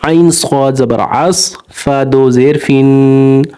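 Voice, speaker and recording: A man's voice: mid-range voice, steady tone, dark tone, clear, resonant tone. Patient man teaching Quran recitation. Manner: patient, spells each letter and then stretches the joined word slowly. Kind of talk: spelling out and drawing out Arabic syllables in a recitation lesson.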